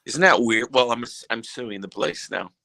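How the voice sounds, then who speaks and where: A man with a gravelly, bright and forceful voice, chatting casually as a guest on a live stream. He rambles through jokey stories, restarting his sentences as he goes. The sound is close and dry. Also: mid-range voice, lively intonation, moderate pace, no echo, rough recording. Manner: rambling, self-interrupting storyteller. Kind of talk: casual joking chat.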